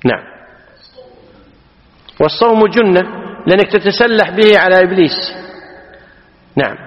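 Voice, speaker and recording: A man teaching a class on a classical text. He explains slowly, repeats key words and quizzes his listeners. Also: high-pitched, lively intonation. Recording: dull, echoey hall.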